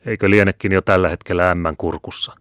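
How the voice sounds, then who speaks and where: Calm grim bearded sergeant, a guy doing him, matter-of-fact. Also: low-pitched, clean tone, dry recording, studio quality.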